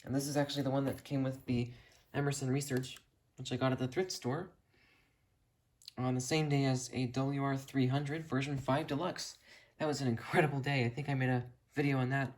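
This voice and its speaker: Speaking fairly fast with little pitch movement, the American hobbyist hosts a rambling, detailed and enthusiastic tour of his collection. His voice sits in the mid range, and the tone stays casual.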